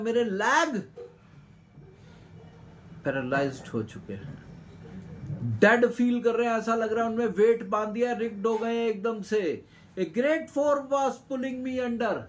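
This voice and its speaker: A male teacher who reads lines from a lesson slowly and explains them with dramatic swings in pitch and loudness. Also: slight background noise, poor audio.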